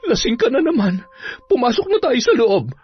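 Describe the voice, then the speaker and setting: A woman's voice: on the high side, big pitch swings, moderate pace, breathy edge. A woman voicing a tired, patient mother and long-suffering wife. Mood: pleading. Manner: tired, soothing, pleading. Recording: dull audio, soft music behind.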